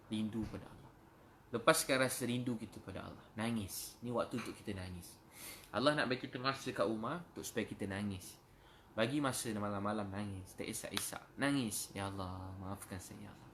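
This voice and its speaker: A man's voice: fairly low pitch, brisk, fairly bright tone, slight background noise. A middle-aged man preaching an emotional sermon in a Malaysian Malay accent, pleading and breaking into prayers.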